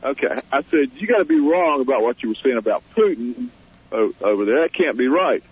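A man phones in to a talk show on a bad connection, his voice breaking up and dropping out in patches over a thin, tinny line. He talks fast and bluntly, with a husky edge and lots of rise and fall in his pitch. The sound is close and dry, with no room around it. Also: very animated, no echo. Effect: phone line breaking up and cutting out. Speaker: caller. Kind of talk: call-in radio chat.

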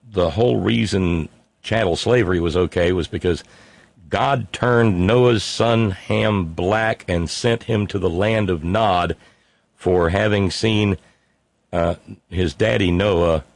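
Speaking in a deep, gravelly voice, a livestream host reads out viewer comments in a casual, unscripted monologue. He rambles wryly, leaning on fillers and restarting often. The recording is dry.

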